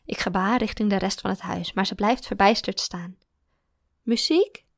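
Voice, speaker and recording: A woman narrates a first-person story in a calm, even way. Her mid-pitched voice has a gravelly, creaky texture, and the recording is dry, with almost no room sound. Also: brisk, dry recording.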